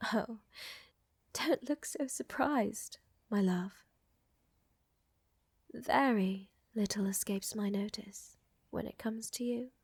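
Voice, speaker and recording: A woman performs a flirtatious, doting aristocratic vampire countess in an intimate ASMR roleplay, her medium-pitched voice a soft, breathy murmur with elegant, teasing, soothing phrasing. She takes it slowly with long pauses, sounds tender, flirtatious and heavily acted, and there is no room sound.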